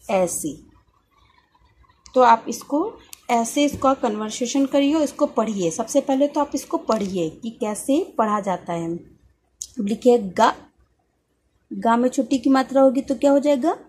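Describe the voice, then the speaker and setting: A woman teaching young children, slowly repeating each syllable for them to echo. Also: a little high, darkish tone, a little hiss or hum.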